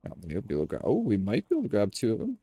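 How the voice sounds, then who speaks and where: This gaming streamer is a young man with a lowish, slightly rough, nasal voice, and he talks very fast. He sits in a room at home with a headset, casually narrating his gameplay and calling his viewers "boys" in a relaxed way.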